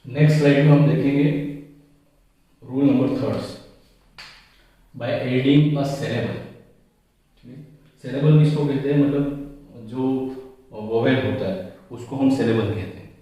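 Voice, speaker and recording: With a dark, mid-range voice, a male teacher leads a slide-based English grammar lesson a little slowly, pausing often. He repeats each rule and asks and answers his own questions, sounding distant in a very echoey room.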